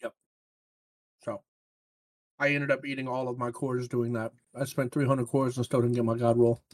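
A man's voice: medium pitch, flat delivery, moderate pace. A man in a casual gaming chat, rambling with lots of fillers and restarts.

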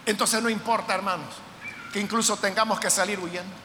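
An impassioned preacher who breaks into shouts. His voice is very high and piercingly bright. It rings through a large hall with a long echo and faint ambient noise behind it. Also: steady tone, brisk. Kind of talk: sermon.

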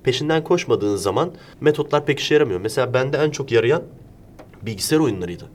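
Conversational male host, mid-pitched, rumbly background. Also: lively intonation, fairly quick, slight background noise. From Turkey. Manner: explanatory, talks in examples and rhetorical questions. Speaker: interview host. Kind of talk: casual conversational interview.

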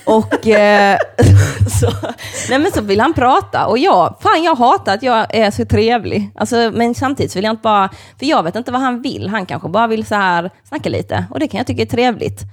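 A young woman hosting a podcast, telling personal stories casually, swearing freely and acting out what other people said, with lots of filler words. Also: on the high side. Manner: animated storyteller, swears freely, acts out other people's lines; heavy use of fillers like "like" and "kind of". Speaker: podcast host.

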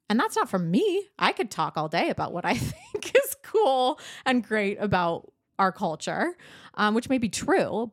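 Animated woman co-host, dry close sound. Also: mid-range voice, dry recording. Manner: animated, acts out quotes, laughs often. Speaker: podcast co-host, business owner. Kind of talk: casual business chat.

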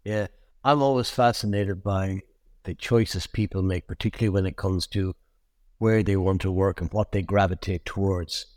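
A man's voice: sits low, fairly even intonation, normal speed, a little mellow, dry recording, clean studio sound. A man hosting a podcast interview, asking friendly, curious questions. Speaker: podcast host.

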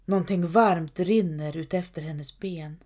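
A woman narrating a scripted historical story in a calm, measured way. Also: on the low side.

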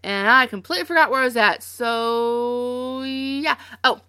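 A woman's voice: a little high, a little slow, pushed and bright, dry recording. A woman hosting a podcast in casual chat, chatty and rambling with frequent laughs. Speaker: podcast host.

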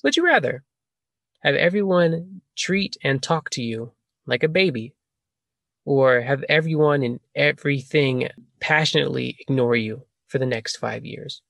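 A man's voice: medium pitch, unhurried, vocal fry, a bit bright, no room sound, studio quality. A man hosting a casual podcast chat, rambling, laughing and correcting himself as he talks. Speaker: podcast host asking questions.

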